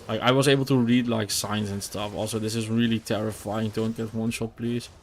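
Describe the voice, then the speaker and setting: Fairly quick and level in tone, a young Dutch-accented man from the Netherlands has a voice on the low side, with a little hiss or hum on the recording. He rambles casually during a game stream, full of fillers and restarts.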